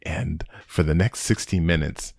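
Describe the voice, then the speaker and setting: A man's voice: extremely low pitch, a little slow, darkish tone, no room sound, clean studio sound. A man hosting a solo podcast, giving a rambling, exasperated and joking movie review with frequent restarts. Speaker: podcast host reviewing a film.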